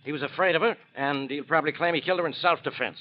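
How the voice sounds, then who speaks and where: An actor playing an irritable, sarcastic police inspector in 1940s radio drama style, grumbling and combative, on a dull old recording. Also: male voice, a little high, racing, lightly acted.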